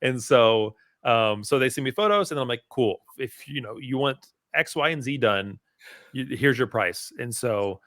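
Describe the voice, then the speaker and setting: A man's voice: medium pitch, moderate pace. A laid-back man chats easily as a podcast guest, circling his points and leaning on filler words. His voice sits in a middle register and sounds dry and close to the mic, with no room echo. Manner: relaxed, rambling, heavy on "you know" and "um". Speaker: podcast guest, part-time car detailer. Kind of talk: casual conversation.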